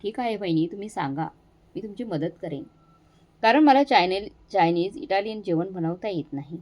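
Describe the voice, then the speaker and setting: A woman's voice: medium pitch, moderate pace, a little mellow, close to an everyday voice. A woman voicing a meek, obliging young daughter-in-law who answers politely in a storybook reading. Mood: humble. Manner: polite, humble.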